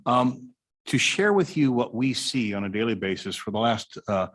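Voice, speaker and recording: A man, a highway district director, presenting slides at a public meeting in a city hall room, halting with many uh fillers. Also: lively intonation, a bit bright.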